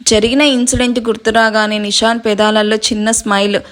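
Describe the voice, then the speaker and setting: A woman storyteller narrating a romantic story in a lively reading style. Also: fairly high pitch, fairly quick. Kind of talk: scripted narration.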